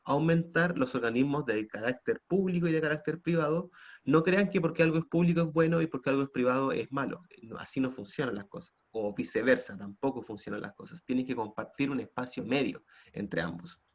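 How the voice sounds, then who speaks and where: Talking a little fast in a mid-range voice, a man with a Chilean Spanish accent teaches online and frequently checks in with students through tag questions. It's captured by a computer mic on a video call.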